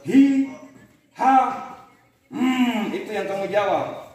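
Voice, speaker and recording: A man's voice: sits high, expressive. A man with a Makassar accent leading cadets through chant practice in a commanding drill-instructor manner. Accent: Indonesian, Makassar. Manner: commanding, demonstrates chants in drawn-out rhythmic calls. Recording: very echoey room, voice far from the mic.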